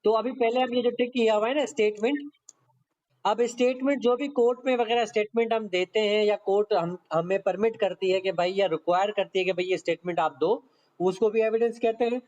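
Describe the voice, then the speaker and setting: In an online meeting class, a man gives an exam-prep law lecture, explaining step by step, reading out clauses and mixing in English terms. His voice sits high with fairly even intonation and a darkish tone, he talks a little fast, and the highs are cut off.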